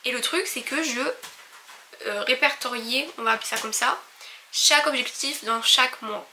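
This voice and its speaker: A woman's voice: on the high side, moderate pace, bright, forceful tone, a little hiss or hum. A young woman chatting casually to camera in her own bedroom, full of fillers and restarts. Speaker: vlogger. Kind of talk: casual vlog chat.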